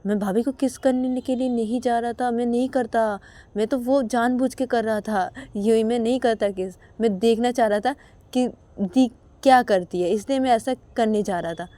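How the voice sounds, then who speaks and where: Playful kid brother, played by a woman: high, dry-sounding, pleads and stammers to explain himself. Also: normal speed, mellow, dry recording, lightly acted. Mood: pleading. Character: teasing playful younger brother, young man.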